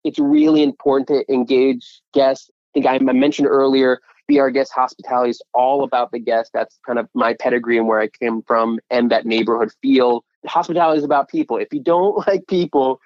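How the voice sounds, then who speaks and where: A man who co-owns a restaurant, telling stories in an interview in a lively way and laughing easily. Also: mid-range voice, brisk, hardly any pauses, dry recording, muffled recording. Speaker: restaurant co-owner. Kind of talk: interview storytelling.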